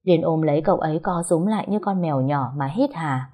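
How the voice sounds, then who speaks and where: A woman narrating a story in a low, steady voice. Her tone is mellow and warm, with a breathy, husky edge. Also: fairly quick. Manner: steady, even story reading.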